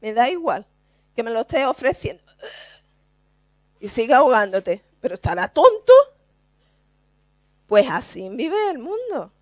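A woman's voice: on the high side, sing-song, no room sound, muffled recording. A woman preacher giving an earnest, emphatic sermon to her congregation. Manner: earnest, slow and emphatic, addresses the congregation directly.

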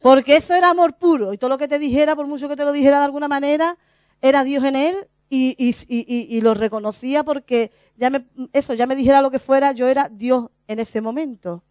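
Woman, high pitch, animated testimony, dull dry recording. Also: brisk, no echo. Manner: animated, laughs often, acts out her own past voice. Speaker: lay preacher. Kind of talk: spontaneous spiritual testimony.

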